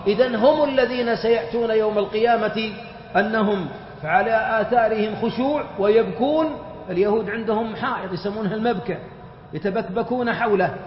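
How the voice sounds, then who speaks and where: Male religious teacher, very high voice, explanatory lecture, recorded muffled in a long-echo hall. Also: a little fast, slight background noise. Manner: explanatory, with lively everyday examples.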